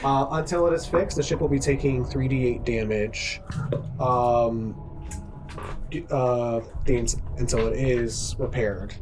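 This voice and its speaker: A man acting as game master, narrating a tabletop game in a measured, descriptive way. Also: medium pitch, a little mellow, faint music behind.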